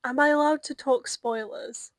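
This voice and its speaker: A woman's voice: sits high, moderate pace, no echo, poor audio. A young woman co-hosting a podcast, chatting casually and telling stories animatedly. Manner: animated storytelling, acts out her own past reactions. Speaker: podcast co-host. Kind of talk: casual chat.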